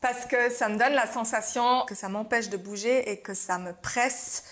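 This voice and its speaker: A woman's voice: on the high side, steady tone, normal speed, a bit bright. A woman, a circus artist guest, telling childhood anecdotes candidly and laughing easily. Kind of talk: casual conversation.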